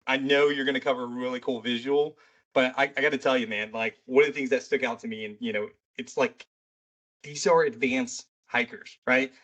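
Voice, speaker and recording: Male podcast host, mid-pitched, casual, chatty and rambling, military background. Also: fairly bright tone. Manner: loose and rambling, full of "you know" and "right". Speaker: military veteran.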